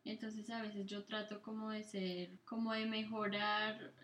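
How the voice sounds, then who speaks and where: A woman from Colombia with a Colombian accent, answering interview questions in a relaxed conversation, often reaching for fillers as she thinks. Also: mid-range voice, a little slow. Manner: thoughtful, leans on fillers like "pues" and "como". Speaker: guest.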